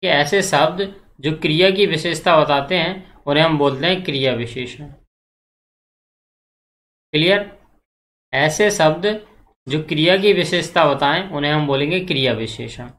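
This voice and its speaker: A man's voice: on the high side, moderate pace, pauses often, fairly bright tone. Hindi grammar teacher quizzing his class. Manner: repetitive, asks the class questions and answers them; checks in often. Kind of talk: exam-prep grammar lecture.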